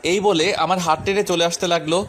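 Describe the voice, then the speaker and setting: A man's voice: high-pitched, fairly even intonation, fairly quick, fairly bright tone, a little hiss or hum. Young man narrating a love story. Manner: casual, wry first-person storytelling. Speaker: narrator and male lead.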